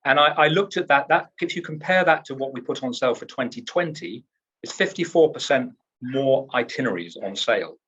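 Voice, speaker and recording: A man's voice: medium pitch, animated, a little fast, fairly bright tone, husky, lo-fi sound. A man from the UK, a cruise line executive in a trade interview, talks up his company in an upbeat, salesy way and often restarts his words.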